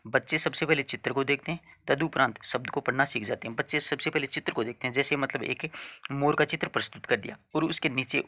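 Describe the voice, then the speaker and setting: A man delivers an exam-prep lecture at a middle pitch. His voice is bright and forward. He explains each point step by step, says it again, and checks that the students follow. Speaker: teacher.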